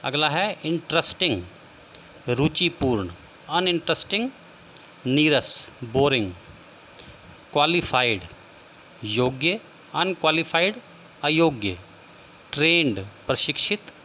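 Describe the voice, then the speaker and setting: A man's voice: a little high, animated, slow, long pauses, bright, forceful tone, a little hiss or hum. A man teaching an English lesson, explaining word meanings and spelling words out letter by letter.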